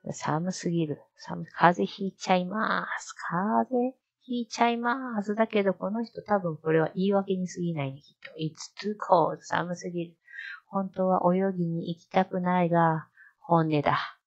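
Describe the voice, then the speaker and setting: Woman streamer, low-pitched, unhurried delivery, thinks out loud and repeats lines to practice; dull lo-fi stream audio. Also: gravelly, no room sound. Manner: muses aloud, repeats lines slowly to practice. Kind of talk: casual live-stream commentary.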